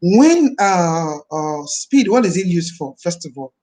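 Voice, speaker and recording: On a live stream, a very animated female minister in her thirties talks unhurriedly in a dark tone. Her voice is deep this morning, and she speaks in a friendly way, repeating phrases and blessing her audience.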